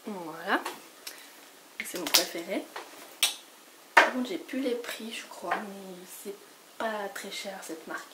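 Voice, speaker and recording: A woman from France with a sick, hoarse voice, chatting casually through a makeup haul and rambling with lots of fillers and restarts. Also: mid-range voice, slow, long pauses. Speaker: beauty vlogger. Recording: noisy home recording.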